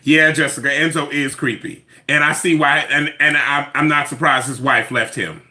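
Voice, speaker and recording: A man recapping a reality show in casual, sassy commentary, animated and repeating his phrases for emphasis. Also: fairly high pitch, moderate pace.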